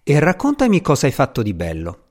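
A man's voice: medium pitch, huge pitch swings, brisk, a little mellow. A man voicing a gracious, affectionate middle-aged duchess in an audiobook reading.

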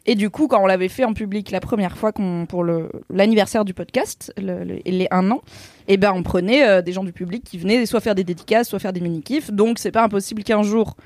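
Fast-talking woman podcast co-host. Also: medium pitch, a little mellow, no echo. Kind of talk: casual podcast chat.

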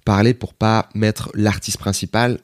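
A man with a fairly low voice tells a winding anecdote in a loose, chatty way, often digressing and acting out what others said. The sound is dry and close, with no room around him. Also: a little slow, no echo. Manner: chatty, digressive, animated retelling with quoted voices. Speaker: guest comedian. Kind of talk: casual interview storytelling.

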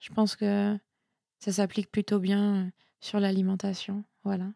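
A woman speaking as a sports nutritionist guest in a casual interview. She is chatty and lively and often repeats words while she thinks. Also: mid-range voice, moderate pace, vocal fry, dry recording, clean studio sound. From Italian heritage.

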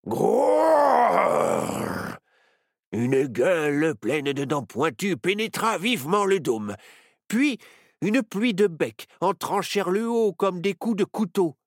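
A man narrating a children's story in an expressive, playful way. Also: high-pitched, unhurried, no room sound, clean studio sound.

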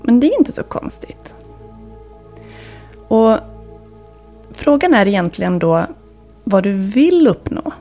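A woman hosting a wellness podcast, talking in a calm, reflective, instructive way that sometimes drops to near-whispers. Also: mid-range voice, long pauses, soft background music. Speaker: podcast host and wellness coach.

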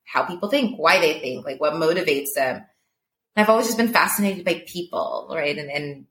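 A coach from Portugal, appearing as an interview guest, chats casually and reflectively in a deep but lively voice with a fairly bright tone. She speaks at normal speed, laughs often, and leans on "like," and the recording sounds roomy.

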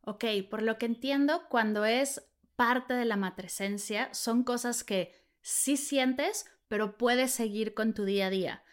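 A woman hosting a podcast interview, summarizing and asking questions in a measured way. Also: on the high side. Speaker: podcast host.

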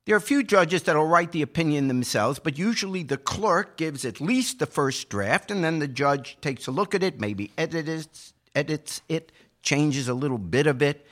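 A podcast co-host with a fairly high, slightly bright voice offers political commentary. He lays out his points emphatically and argumentatively, choosing his phrasing deliberately.

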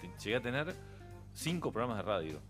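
In a radio studio with music in the background, a middle-aged guest with a Uruguayan accent tells anecdotes in easygoing conversation. His mid-range voice is very animated and brisk. Laughter comes often, as do restarts.

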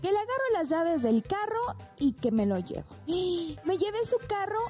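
A woman's voice: very high voice, sing-song, normal speed, warm tone, soft background music. A young Mexican woman telling a dramatic personal story in a casual podcast chat, addressing listeners directly. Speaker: podcast co-host.

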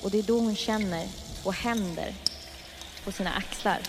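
A woman with a mid-range voice narrates a ghost story step by step, describing each eerie detail. Loud frying and sizzling fills the background the whole time. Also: mid-range voice, big-room sound, noisy background. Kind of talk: improvised horror storytelling.

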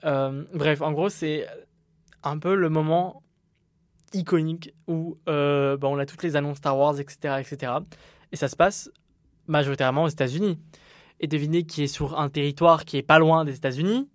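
A man's voice: a little high, fairly even intonation, moderate pace, no echo, studio quality. A young man hosting his own solo podcast, talking candidly and rambling with frequent restarts. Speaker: podcast host.

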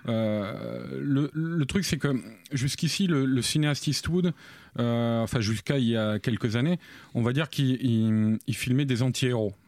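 A man talks through his view of a film, pausing and restarting often as he searches for words. His voice sounds close and dry, with no room around it. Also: medium pitch, darkish tone, no room sound. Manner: hesitant, many fillers and restarts. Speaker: film critic guest. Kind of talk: casual chat.

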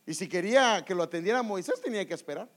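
A man's voice: high voice, animated, fast talker, a bit bright. A man preaching a sermon with emphatic rhetorical questions, often calling his listeners "brother".

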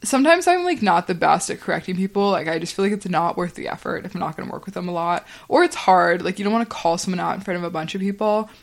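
A young woman hosting a podcast, telling casual stories in a chatty voice full of fillers and quick laughs. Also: lowish voice, lively intonation, vocal fry. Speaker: podcast host. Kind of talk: casual storytelling monologue.

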